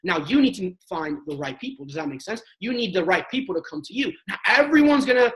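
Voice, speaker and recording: A young sales-panel speaker, a network marketing panelist, delivers an emphatic, coaching motivational training talk in casual slang while acting out sample chats. His high voice is very animated, fast, and a bit bright, and the recording is rough.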